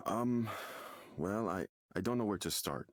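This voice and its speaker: In visual novel game dialogue, an actor voices a nervous, defensive expectant father who sounds uneasy, hesitant, and stammering. His voice is on the low side and expressive at a measured pace. The recording is dry and studio quality, with music in the background.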